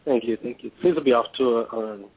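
A man's voice: mid-range voice, fairly quick. A man speaking as a radio show caller, conversational and hesitant, over a tinny phone line.

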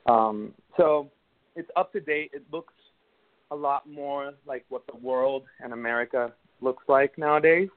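The speaker is a man in his thirties from Venezuela, an actor appearing as an interview guest, with a Venezuelan Spanish accent. His measured pace and mid-range voice come over a tinny phone line, and he keeps restarting and using fillers as he hesitantly answers.

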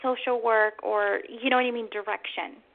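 A woman's voice: fairly high pitch, steady tone, moderate pace, phone-quality sound. A woman giving a psychic reading to a caller, speaking in a soothing, reassuring way with affectionate endearments. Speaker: psychic medium, host.

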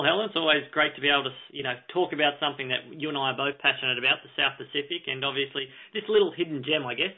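An easygoing Australian man talks quickly as an interview guest. His voice has a gravelly fry. He comes through a thin, tinny phone line. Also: medium pitch. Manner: easygoing, relaxed. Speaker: travel company guest. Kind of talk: casual interview.

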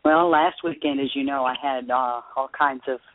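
A man's voice: mid-range voice, huge pitch swings, normal speed, gravelly, no room sound. A man calling in to a talk show as a regular, chatting casually. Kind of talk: casual chat. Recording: narrow, tinny phone line.

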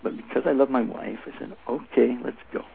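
A man's voice: mid-range voice, steady tone, fairly quick, creaky. An older man telling stories conversationally as an interviewed instructor, with an emphatic way of repeating phrases, heard over a phone line. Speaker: Tai Chi instructor, interview guest. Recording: tinny phone line with faint noise.

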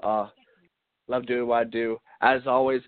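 A man's voice: mid-range voice, level tone, unhurried, no room sound. A man hosting a baseball podcast in a casual, rambling way, a little congested and stumbling over his words. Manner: rambling, repeats words, chuckles. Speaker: podcast host. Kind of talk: casual solo podcast sign-off. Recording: dry, tinny phone-like sound.

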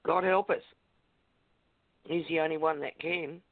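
A man's voice: fairly high pitch, fairly even intonation, measured pace, creaky, no echo. Blunt Aussie tradesman type on the phone. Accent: Australian. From Australia. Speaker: guest on a podcast. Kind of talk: casual chat. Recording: thin phone-line sound.

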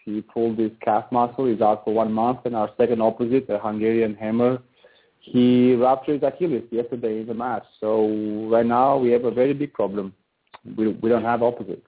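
A man's voice: mid-range voice, steady tone, a little fast. Rambling man on a tinny phone line. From Albania. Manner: rambling, says "you know" constantly. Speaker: professional volleyball player, guest. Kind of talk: casual phone interview. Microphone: phone call.

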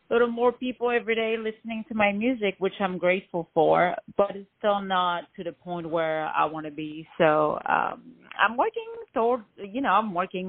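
A woman musician who grew up in France, answering interview questions hesitantly with many fillers. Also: medium pitch. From Lebanon, raised in France. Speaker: musician guest. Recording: tinny phone-line sound.

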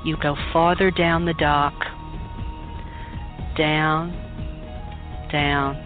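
A woman guides a meditation in a calm, soothing voice on the low side, speaking very slowly with long pauses. The recording is thin and phone-like, with music clearly playing behind her.

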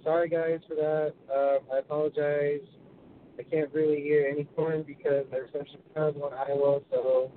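A man with a slightly high voice hosts over a phone line that keeps breaking up and dropping out. He comes through thin and tinny, as on a bad cell connection. He keeps asking whether anyone can hear him and apologizes for the bad reception. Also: level tone, normal speed, a little hiss or hum. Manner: repeatedly calling "hello" and apologizing, frustrated. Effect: phone call with poor reception, dropping out. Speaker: podcast host. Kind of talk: casual live call-in chat.

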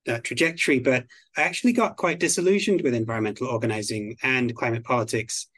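A man from the United Kingdom being interviewed as a guest on a podcast, speaking in a measured, articulate way. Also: medium pitch, fairly bright tone, no echo. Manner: measured, articulate, slow and deliberate. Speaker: guest expert on biodiversity.

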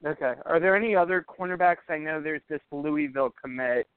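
A man's voice: fairly high pitch, brisk, clear, resonant tone, dry recording. Man calling in over the phone. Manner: eager, rambling questions. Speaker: caller. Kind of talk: sports call-in chat. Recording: tinny phone line.

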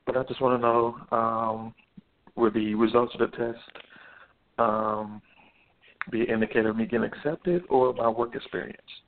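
Gravelly male caller on speakerphone. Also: mid-range voice, steady tone, normal speed. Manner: hesitant, with many fillers. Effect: on speakerphone over a phone line. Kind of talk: call-in question to a radio show. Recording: tinny phone line.

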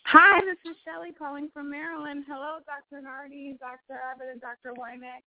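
A woman's voice: high-pitched, flat delivery, fairly quick. A woman calling in to a radio show over a phone line, friendly and chatty, with some hesitant ums as she asks her question. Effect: heard over a phone line as a call-in caller.

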